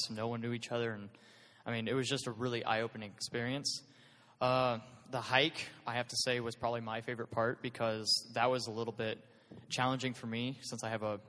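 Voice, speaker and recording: A man's voice: mid-range voice, a bit bright. A young man sharing his church camp testimony into a handheld microphone, earnest and hesitant with many "um"s. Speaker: youth group member sharing testimony. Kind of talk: casual spoken testimony. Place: large hall at a youth church event. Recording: reverberant hall.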